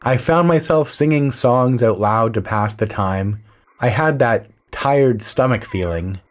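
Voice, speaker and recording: A man narrating a story in the first person, with a dry, measured, low-key delivery.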